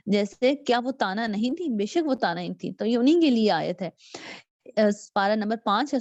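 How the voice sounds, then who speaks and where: A woman's voice: mid-range voice, darkish tone, no room sound. A woman giving a religious lecture, explaining step by step and reading scripture translations aloud with hesitant fillers. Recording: dull, dry lo-fi recording.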